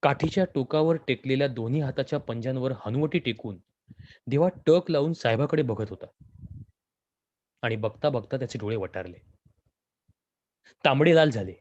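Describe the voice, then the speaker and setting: A man reading a story aloud in a measured, expressive way. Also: medium pitch, dull audio. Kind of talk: scripted story narration.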